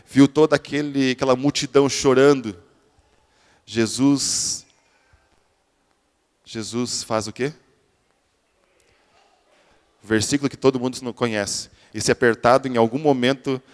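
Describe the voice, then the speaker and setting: A man preaching a sermon in a church, often restarting his words and then building to emphatic peaks. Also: medium pitch. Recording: church sermon with long hall reverb.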